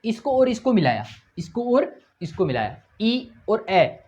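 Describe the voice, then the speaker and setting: A male teacher giving a grammar lesson for exam students, asking questions and answering them himself, repeating key points and spelling out sounds slowly. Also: sits high, sing-song, darkish tone. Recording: dull lo-fi recording.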